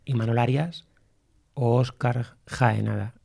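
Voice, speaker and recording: A man's voice: mid-range voice, steady tone, slow, creaky, darkish tone, husky. A man hosting a radio talk show, joking and rambling, sometimes losing his train of thought. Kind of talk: casual chat.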